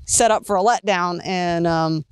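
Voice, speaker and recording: A woman's voice: fairly low pitch, unhurried, smooth, no room sound. Rambling woman horse breeder telling a story. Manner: rambling, animated storytelling with many fillers. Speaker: horse breeder and seller, guest. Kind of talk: casual interview talk.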